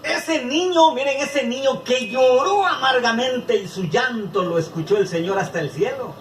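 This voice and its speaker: A Latin American man preaching a sermon in an animated way, acting out the people in his stories, with a Latin American Spanish accent. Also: very high-pitched, normal speed. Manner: animated, acts out quoted voices. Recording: echoey room from far off, faint background noise.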